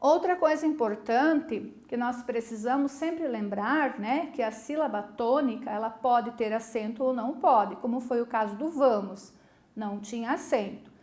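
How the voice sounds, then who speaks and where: A woman teaches a recorded video lesson with a high, clear voice. She is patient and encouraging, stopping often to ask if the class is following. The sound rings with the echo of a roomy space. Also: normal speed, darkish tone. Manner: patient, encouraging, asks the class many check questions.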